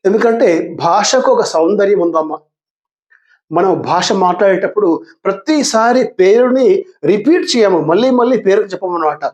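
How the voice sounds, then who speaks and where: High-voiced older man teaching grammar. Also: a little mellow. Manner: patient, repeats terms and asks the class questions, calls students dear; reads English definitions very slowly and deliberately. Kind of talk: grammar lesson.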